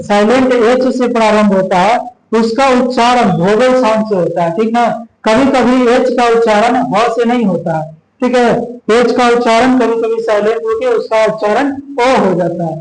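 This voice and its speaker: High-voiced male teacher in an echoey room. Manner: explains patiently, often checking with "okay" and slowly drawing out example words. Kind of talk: classroom grammar lesson.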